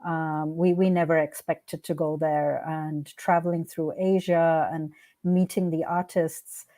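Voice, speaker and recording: This art curator and founder, a Hindi-native woman, speaks unhurriedly in a low, warm voice with flat delivery. Her answers as a guest in a conversational podcast interview are reflective and earnest.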